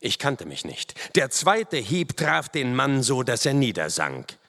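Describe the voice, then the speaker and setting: A man reading a first-person adventure story aloud in a dramatic, expressive way. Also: medium pitch, measured pace, gravelly. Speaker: audiobook narrator. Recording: long hall reverb.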